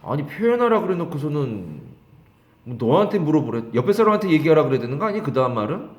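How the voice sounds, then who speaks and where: A lively middle-aged man teaching English for an upcoming exam, with a somewhat high voice that swings widely in pitch. He reads English phrases slowly, then explains them and throws questions at his students. His voice rings in an echoey room. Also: muffled recording. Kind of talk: exam-prep English lecture.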